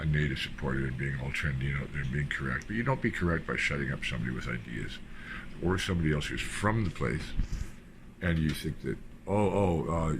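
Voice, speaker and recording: An older man talks in a loose, digressive monologue, pitched very low in his throat. He drifts between thoughts with plenty of fillers. His cheap mic picks up a clear bed of noise behind the voice. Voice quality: very deep voice. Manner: rambling, digressive, full of fillers. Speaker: vlogger. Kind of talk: rambling monologue.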